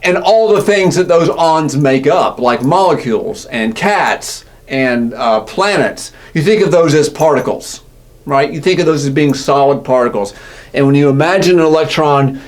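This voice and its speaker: A man's voice: medium pitch, lively intonation, moderate pace. A man teaching physics in a casual, self-correcting lecture style, often checking in with "right?". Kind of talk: classroom lecture.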